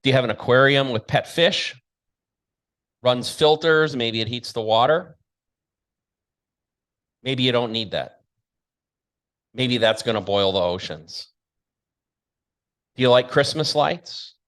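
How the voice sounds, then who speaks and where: A man's voice: medium pitch, slow pace, pauses often, a bit bright. Emphatic man delivering an opinionated monologue. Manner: emphatic, combative, blunt, rhetorical questions. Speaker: show host and commentator.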